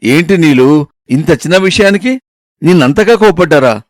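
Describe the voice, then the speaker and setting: A man's voice: on the high side, lively intonation, moderate pace, no room sound, lightly acted. A caring young fiancé, as a male storyteller puts him on, asking after his bride-to-be in a lifted, light voice. The storybook reading sounds close and dry. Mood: concerned.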